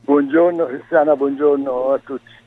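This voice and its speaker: A man, a guest on the phone, answering in a measured, deliberate way with some hesitations. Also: mid-range voice, fairly even intonation. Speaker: contrada prior, phone-in guest. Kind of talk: radio phone interview. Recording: husky voice over a narrow phone line.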